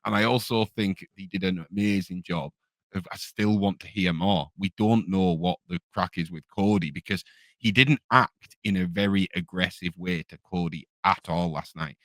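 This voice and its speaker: A man's voice: low voice, fairly even intonation, normal speed, a bit bright, no room sound. A man chatting casually as an opinionated wrestling fan, enthusiastic and rambling. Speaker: wrestling podcast commentator.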